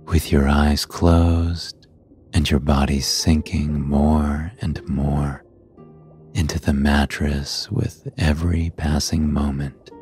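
A man narrating a scripted sleep story as a guide, in a calm, hushed and soothing manner. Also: very deep voice. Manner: calm, hushed, unhurried guiding delivery. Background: soft music.

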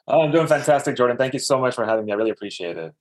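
A man's voice: medium pitch, lively intonation, very fast. A man in his thirties from Dubai, a podcast guest telling his life story casually, with many fillers and restarts.

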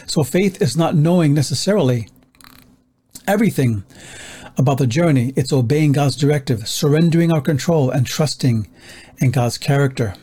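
A man preaching a sermon, teaching in a measured, earnest way and quoting scripture as he goes. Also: on the high side, mellow, breathy edge.

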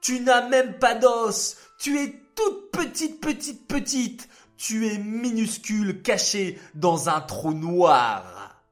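A man's voice: high voice, expressive, slow pace, soft background music, voice pushed up. A man voicing a chorus of mocking body parts in a children's story, sing-song and taunting.

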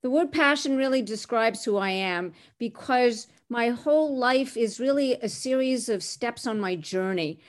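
In an interview, a sixty-something Canadian recruiter walks through her career with poise and clear articulation. Her pitch is fairly high, and she talks a little slowly, pausing only a few times.

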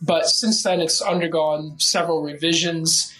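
A man's voice: fairly high pitch, fairly even intonation, normal speed, pushed and bright, faint music behind, rough recording. A man giving careful, methodical explanations as a guest in a podcast interview, with frequent "uh" fillers. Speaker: guest legal researcher.

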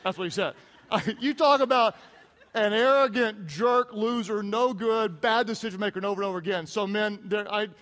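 A man's voice: sits high, moderate pace, a bit bright, long reverb tail. A man preaching a sermon, retelling a Bible story with humor and emphatic asides. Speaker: pastor.

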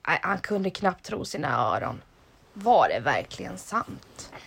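A woman reading a children's story aloud, lively and expressive. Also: fairly low pitch, gravelly, husky.

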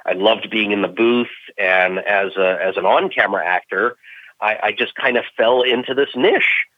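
Male interview guest, animated and eager, dry muffled lo-fi sound. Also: fairly low pitch, moderate pace, no echo. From Maryland, USA. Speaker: guest voice actor. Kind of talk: casual interview talk. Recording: dry, slightly dull lo-fi audio.

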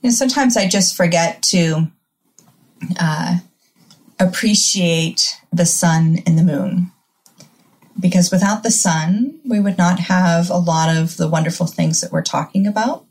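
A woman with a Midwestern accent talks in a gentle, earnest way. Her voice sits a little low, and she lays out each idea with calm, steady explanation in a casual chat. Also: measured pace. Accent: Midwestern American.

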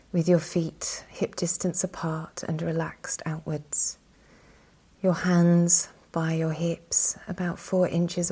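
Here a woman instructs a guided yoga nidra practice in a low, soft, breathy voice. Her manner is calm and soothing, with long pauses throughout.

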